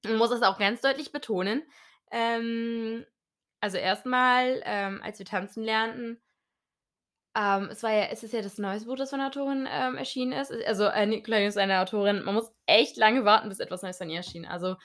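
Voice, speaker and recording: A woman's voice: fairly high pitch, fairly even intonation, a little fast, fairly bright tone. A young woman co-hosting a casual book podcast, chatty and teasing, with lots of fillers. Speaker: podcast co-host.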